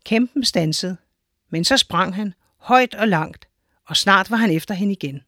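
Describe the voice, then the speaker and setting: Female narrator for a children's story, clear and measured; dry close recording. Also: medium pitch, a bit bright, no room sound.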